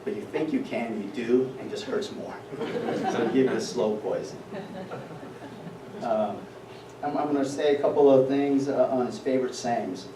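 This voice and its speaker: A man's voice: mid-range voice, moderate pace, pauses often. A middle-aged man speaking at a memorial, chatty and storytelling, stumbling over repeated words and laughing along the way. His voice comes from a distance in an echoey hall with a noisy background. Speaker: eulogy speaker. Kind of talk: memorial speech with anecdotes. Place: event hall.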